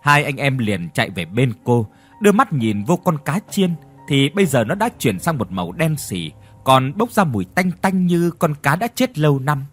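A man's voice: mid-range voice, normal speed, faint music behind. A man telling a scripted ghost story and reading every role with expression. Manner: expressive reading of all roles.

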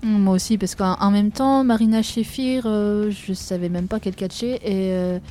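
A woman's voice: mid-range voice, steady tone, normal speed, mellow. A woman co-hosting a casual podcast chat, chatty and laughing often. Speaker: podcast co-host.

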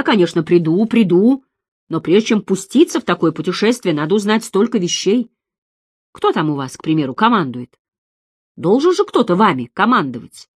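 A calm, skeptical man soothes and lectures in measured tones, as a woman reader voices him. The delivery stays lively in pitch. The recording is dry and close. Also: breathy edge, no room sound. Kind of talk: audiobook reading.

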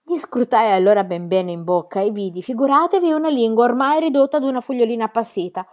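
A woman's voice: on the high side, fast, a little mellow, close to an everyday voice. A woman reading a storybook aloud and voicing a bold, cheeky little girl who tells exuberant tall tales. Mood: boastful. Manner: exuberant, theatrical, tall-tale telling.

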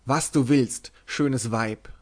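A man reading aloud, voicing a young married lord who halts and stammers, then bursts out loudly. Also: medium pitch, expressive, a little slow. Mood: flustered.

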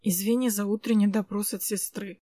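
A woman voicing a gentle, teasing young man who is an older brother in an audiobook, speaking softly. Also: medium pitch, fairly even intonation, normal speed, no echo, lightly acted. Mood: apologetic. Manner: soft, teasing.

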